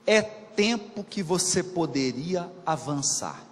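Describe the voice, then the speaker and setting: Animated high-voiced man lecturing. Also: slow pace. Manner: colloquial, repeats phrases for emphasis, asks the audience questions. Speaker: spiritist lecturer. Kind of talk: spiritist lecture to a live audience. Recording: reverberant lecture hall.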